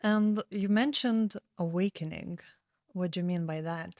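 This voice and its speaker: Slow-speaking Lithuanian woman host. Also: on the low side, no echo, studio quality. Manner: calm, halting, with frequent fillers. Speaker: podcast host. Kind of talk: casual podcast chat.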